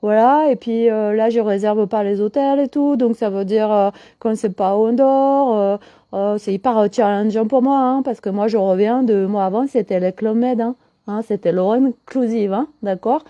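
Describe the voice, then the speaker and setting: Mellow-voiced middle-aged woman chatting live. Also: a little high, normal speed, no echo, lo-fi sound. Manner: chatty, answers viewers' comments as she talks. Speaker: holistic coach. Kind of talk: casual live stream chat.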